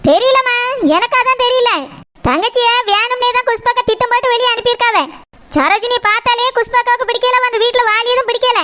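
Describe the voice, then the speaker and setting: A woman's voice: very high voice, steady tone, fast, bright, forceful tone. A woman voicing a grown daughter in a cartoon, reassuring her mother and explaining at length. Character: grown daughter Saroja, anxious, soothing.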